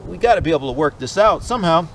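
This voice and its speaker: Sneaky male big cat for a folk tale, coaxing, a man voicing him; pitched up. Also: animated, racing, a little hiss or hum. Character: hungry sneaky male mountain lion. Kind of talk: storytelling on a nature walk.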